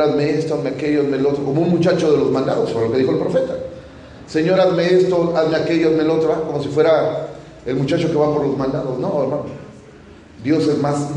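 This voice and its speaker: A man's voice: a little high, dark tone, slight background noise. A man preaching a sermon in church, speaking earnestly and often addressing the congregation as brother. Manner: earnest, addresses listeners as "hermano". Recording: echoey church hall from a distant mic.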